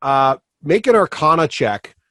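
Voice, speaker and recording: A man running a tabletop game as game master, relaxed and laughing easily as he gives rulings. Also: a little high, unhurried, dry recording, clean studio sound.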